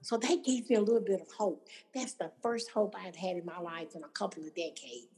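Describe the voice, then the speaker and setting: Woman with a dark, mellow voice. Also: lowish voice, a little fast, low-quality recording. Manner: storytelling, acting out quoted voices. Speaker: speaker telling her recovery story. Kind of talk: personal testimony to an audience.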